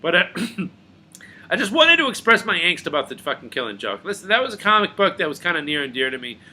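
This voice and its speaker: Bright-voiced man ranting casually. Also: high-pitched, very animated, quick pace. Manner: rambling, profane, swings between mumbling and loud outbursts. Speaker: video blogger. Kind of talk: casual rant to camera.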